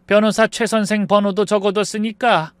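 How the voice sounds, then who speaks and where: A man voicing a dying elderly wealthy woman who speaks softly, wearily and apologetically. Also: high-pitched, flat delivery, normal speed, clean tone, dry recording, pitched above the performer's own voice, lightly acted. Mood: urgent, tender. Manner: soft, weary, apologetic speech.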